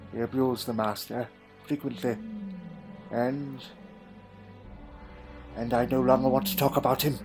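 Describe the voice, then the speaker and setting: A man playing a troubled, evasive Time Lord in a fan audio drama, with formal, theatrical, brooding delivery. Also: medium pitch. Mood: bitter. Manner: brooding, theatrical, old-fashioned formal phrasing. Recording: music behind the voice. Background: music.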